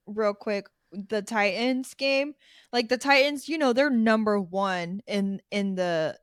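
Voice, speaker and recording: A woman co-hosting a football podcast, animated and chatty, stumbling into her points and swearing freely. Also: medium pitch, clear, resonant tone, no room sound, studio quality. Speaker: podcast co-host. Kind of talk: casual sports chat.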